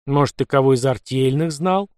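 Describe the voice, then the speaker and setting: A man's voice: mid-range voice, moderate pace, a little mellow, smooth, dry recording, clean studio sound, close to an everyday voice. A man voicing a gloomy, grumbling male commissar in an audiobook. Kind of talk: audiobook character voice.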